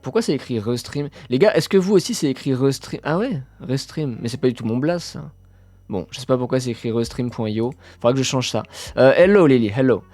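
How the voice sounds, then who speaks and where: A man chats through a live stream about running results, trailing off into fillers and then jumping up in pitch when something excites him. His voice sits in an ordinary middle register. The sound is dry and close, with no room around it. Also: fairly quick, no room sound, faint music behind. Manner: chatty, many fillers, excitable bursts. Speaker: streamer hosting an athletics live. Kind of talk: casual live-stream chat reading the chat.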